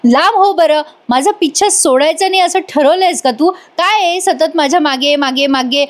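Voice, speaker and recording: A woman doing a short-tempered male professor who snaps and scolds, his voice pushed high and sharp as he loses patience. The outbursts come in quick exasperated bursts. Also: lightly acted. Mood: angry scolding.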